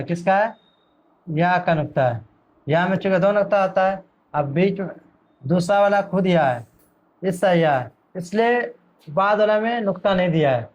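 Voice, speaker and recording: A man with a high, slightly mellow voice, recorded in lo-fi sound, gives a letter-by-letter Quran reading lesson. He poses his own questions and answers them, drawling the letter names out very slowly.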